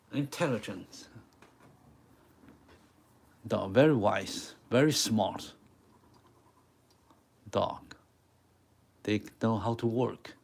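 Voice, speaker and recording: With a mid-range, slightly mellow voice and some vocal fry, this Mandarin-speaking art teacher gives a live chalkboard drawing lesson. His English carries a Mandarin accent and comes out haltingly as he hunts for words.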